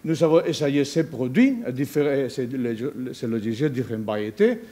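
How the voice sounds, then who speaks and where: A non-native speaker from Spain with a Spanish accent, this man gives a conference presentation as a researcher, halting and searching for words in foreign-accented speech. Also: medium pitch, lively intonation, dark tone. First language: not a native French speaker. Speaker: university researcher giving a presentation.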